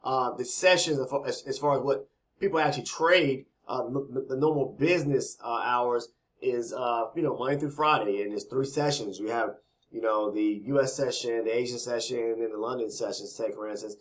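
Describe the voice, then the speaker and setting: A trading educator with a slightly raspy, mid-range voice explains trading in a brisk, casual, rambling way. He repeats many words and keeps adding "okay?" tags.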